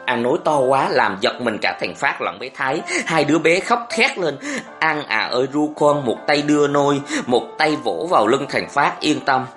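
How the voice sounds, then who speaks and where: A steady audiobook narrator reads a historical novel with a lively, varied intonation. Soft music plays faintly underneath. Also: mid-range voice, moderate pace.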